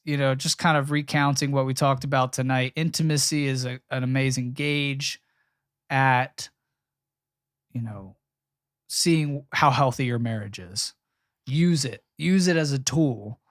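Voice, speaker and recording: A man's voice: medium pitch, unhurried, a bit bright, no room sound, studio quality. A young man co-hosting a podcast, giving earnest, emphatic advice on marriage and parenting. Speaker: podcast co-host. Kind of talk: casual chat about marriage and parenting.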